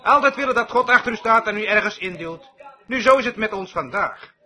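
A man preaches a sermon emphatically in a high, animated voice that's pushed and bright and a little fast. He often asks his listeners whether they're following him.

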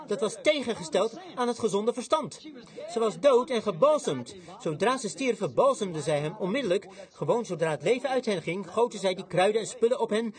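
A man preaching a sermon with emphatic, dramatic storytelling. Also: high-pitched. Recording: congregation audible in the background.

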